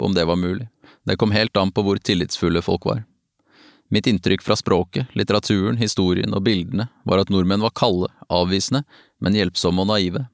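A man narrating a novel in the first person, calm and even, as an audiobook. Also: on the low side, no room sound, studio quality.

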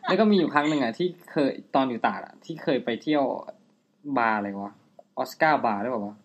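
A woman with a very deep voice talks at a quick clip, blunt and chatty, dropping casual swears as she interviews a colleague. The recording sounds dull and lo-fi. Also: lively intonation. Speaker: interviewer and teacher. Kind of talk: casual chat.

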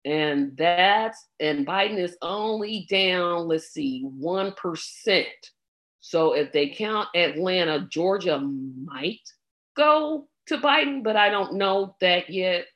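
Slow, low-voiced woman with scratchy throat. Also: animated, a bit bright. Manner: blunt, exasperated, many ums. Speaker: political commentator. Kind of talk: casual election-night commentary.

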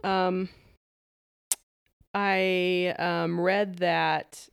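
A woman's voice: lowish voice, flat delivery, extremely slow, gravelly, clear, resonant tone, no echo. A woman co-hosting a podcast in casual, playful, joking banter. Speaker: podcast co-host.

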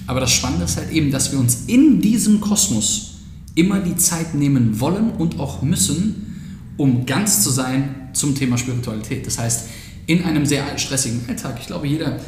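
A man's voice: on the high side, expressive, moderate pace, darkish tone, reverberant, slight background noise. A German man hosting a casual podcast conversation, asking probing practical questions in a conversational way with frequent restarts.

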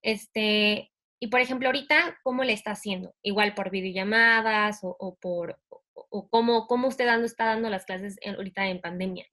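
A woman's voice: medium pitch, fairly even intonation, moderate pace, sharp tone. A woman, co-hosting an interview, asking questions hesitantly while searching for words. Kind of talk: casual interview talk.

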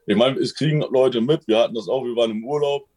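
A man in a casual interview, telling his own experiences in a rambling, colloquial way and often tagging sentences with a quick question. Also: medium pitch, a little mellow, slightly rough. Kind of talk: casual storytelling.

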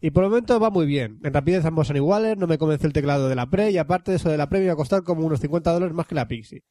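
A man banters through a podcast and reads out listener emails. His talk runs very fast and teasing, with a mellow, fairly high voice. The recording is dry. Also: no echo. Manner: joking, teasing, quick to laugh.

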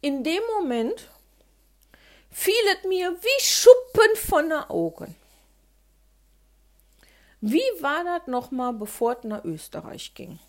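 A woman telling a childhood story in a chatty, colloquial manner. Her voice sits high and moves lively up and down in pitch. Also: takes it slowly, long pauses.

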